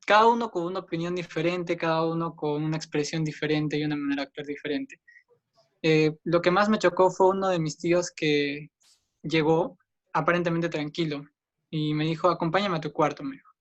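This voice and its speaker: A man's voice: steady tone, a little fast, highs cut off. A young man with a Peruvian accent telling his own story in an interview, earnest, raising his voice when he acts out what others said. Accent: Peruvian Spanish. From Peru. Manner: earnest, acts out others' lines with raised pitch.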